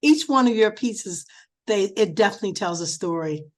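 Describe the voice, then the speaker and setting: A woman's voice: mid-range voice, animated, brisk, poor audio. A woman in her sixties from Chicago, hosting an interview with enthusiastic, affirming comments. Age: 60s. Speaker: interview host. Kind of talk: casual interview chat.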